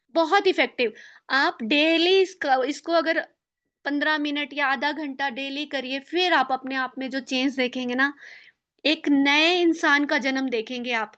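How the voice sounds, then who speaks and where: A woman leading an online group through mirror affirmations, gentle and coaxing as she shows how to praise and thank yourself. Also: high voice, dull audio. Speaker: mirror-talk guide. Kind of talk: guided self-affirmation session.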